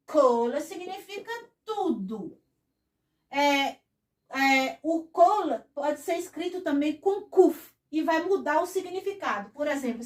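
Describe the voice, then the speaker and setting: High-voiced woman teaching at a whiteboard. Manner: patient, repeats each word slowly, often interjects a blessing. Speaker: Hebrew teacher. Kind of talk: whiteboard lesson. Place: room with a whiteboard. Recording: echoey room, voice from a distance.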